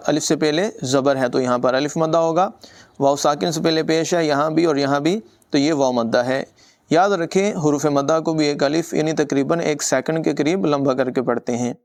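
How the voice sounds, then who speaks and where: A man teaching tajweed, giving brisk explanations between slow, drawn-out melodic recitation. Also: fairly high pitch.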